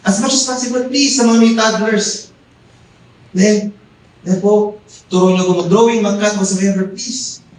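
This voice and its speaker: A man's voice: sits high, steady tone, a little slow, long pauses. A middle-aged Filipino man preaching a Taglish sermon as pastor, often calling out "amen?" to the congregation. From Philippines. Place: church hall. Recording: echoey hall, mic far off.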